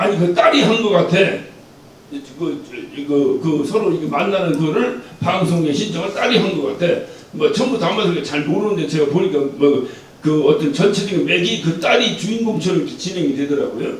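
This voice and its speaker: A male pastor preaching in a chatty, storytelling way and often asking the congregation questions. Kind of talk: conversational sermon. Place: church sanctuary. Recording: very echoey church, distant mic, faint rumble.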